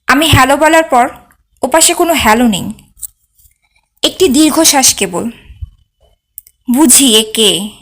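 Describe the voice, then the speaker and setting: High-voiced woman reading an audiobook. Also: a bit bright. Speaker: audiobook narrator. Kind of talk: scripted audiobook narration.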